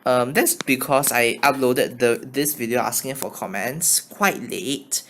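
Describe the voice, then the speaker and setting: Filming a casual phone vlog, this Chinese man speaks English with a blend of Chinese and Singaporean accents as he responds to viewers' questions. His medium-pitched, slightly bright voice is halting and hesitant, with frequent apologies, over a faint hiss or hum.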